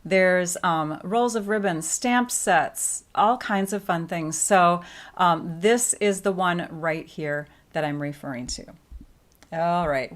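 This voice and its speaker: A woman's voice: medium pitch, a bit bright. Chatty woman teaching paper crafts. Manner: chatty, explains step by step with fillers. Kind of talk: casual craft tutorial.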